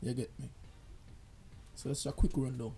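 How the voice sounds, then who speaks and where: A man's voice: medium pitch, little pitch movement, normal speed, vocal fry, warm tone, husky. A man, a guest artist chatting casually in slangy speech with frequent tag phrases. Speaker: music artist and producer, interview guest. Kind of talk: casual interview chat.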